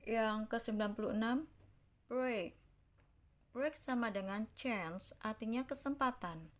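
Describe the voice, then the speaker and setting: A woman teaching a language lesson on English slang, reading each example sentence slowly and carefully, then translating it. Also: fairly high pitch.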